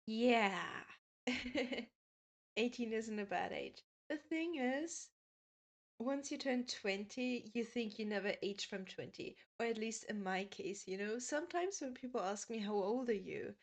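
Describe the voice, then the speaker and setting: A woman in her twenties chats casually with her stream viewers, giggling often and reading their messages aloud. Her voice is a little high and expressive, and she speaks a little slowly.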